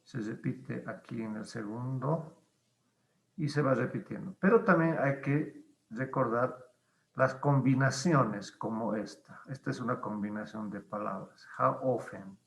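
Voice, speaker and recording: Guy teaching english, slow and patient, lots of ums, gravelly voice. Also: medium pitch, reverberant, muffled recording. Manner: patient, explains slowly with many pauses and fillers. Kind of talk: online class explanation.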